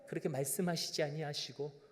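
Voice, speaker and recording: A man's voice: fairly high pitch, fairly even intonation, fairly quick. A male pastor preaching a sermon in a church sanctuary, with an emphatic cadence that swells into direct appeals to his congregation. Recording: long reverb of a church hall.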